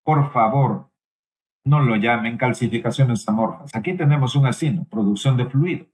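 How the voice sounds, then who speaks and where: A man giving a simultaneous interpretation of a medical lecture, halting at times with pauses, fillers and restarts. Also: medium pitch, darkish tone, rough recording.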